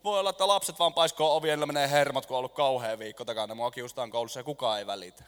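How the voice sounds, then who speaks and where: A man preaching a lively sermon to a congregation, jokey and animated, staging a skit with volunteers. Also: medium pitch. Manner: animated, jokey, lets the room laugh. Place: church hall. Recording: long reverb of a large hall.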